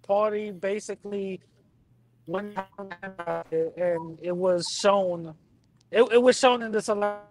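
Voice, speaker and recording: A man's voice: high-pitched, unhurried, soft background music, rough recording. Man on a choppy, robotic video call. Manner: emphatic, repeats himself. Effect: choppy, robotic-sounding video call audio that keeps breaking up. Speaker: livestream panelist. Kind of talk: casual political chat. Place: in a car.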